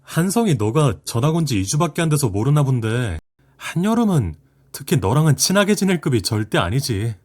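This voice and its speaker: A man's voice: medium pitch, sing-song, a little fast, a little mellow. A man voicing a snide, mocking teenage schoolboy in an audio drama, talking in a sneering, dismissive way.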